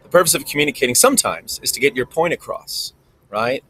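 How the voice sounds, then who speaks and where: A man's voice: medium pitch, lively intonation, fast, a bit bright, a little hiss or hum, low-quality recording. Man musing aloud to camera. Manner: conversational, thinking aloud with frequent ums. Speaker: vlogger. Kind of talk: reflective monologue to camera. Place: recording alone in front of a camera.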